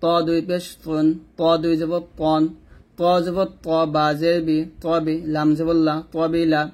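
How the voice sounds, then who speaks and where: A man teaching Quran reading, chanting letters and vowel marks in a steady repetitive drill. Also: a little high, slow pace. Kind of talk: step-by-step spelling drill lesson.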